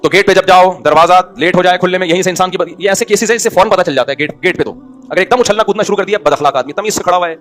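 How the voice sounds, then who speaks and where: A man's voice: sits high, very fast, fairly bright tone, faint music behind. A middle-aged male Islamic preacher giving a conversational sermon, telling everyday anecdotes with wry jokes and rhetorical questions to his listeners. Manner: wry, joking asides.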